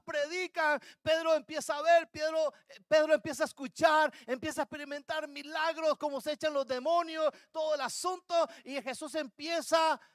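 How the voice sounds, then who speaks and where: A man's voice: extremely high pitch, fairly bright tone, no room sound, studio quality. A man pastor preaching a sermon to his congregation, acting out the words of biblical figures. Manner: addresses congregation as brothers.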